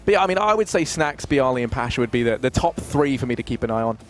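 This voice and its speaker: Quick-talking male esports analyst. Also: medium pitch, lively intonation. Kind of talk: casual broadcast analysis chat.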